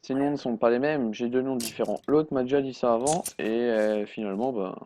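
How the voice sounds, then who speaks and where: A man's voice: mid-range voice, brisk, mellow, a little hiss or hum. A man giving live, joking commentary on a game he plays, reading its text aloud with sarcastic remarks. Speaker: gaming streamer.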